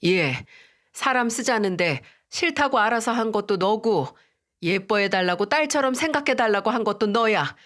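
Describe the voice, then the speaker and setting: A woman's voice: on the high side, fairly bright tone. Brief: a woman doing a firm, scolding older mother-in-law in a storybook drama, stern and unbending.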